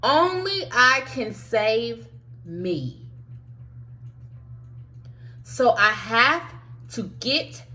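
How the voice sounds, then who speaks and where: A woman's voice: on the high side, big pitch swings, drawn-out words, pauses often, bright, forceful tone. A woman giving a heartfelt, encouraging motivational monologue as a spiritual life coach, talking straight to her listeners and sometimes dropping to a near whisper. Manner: earnest, encouraging, addresses listeners directly.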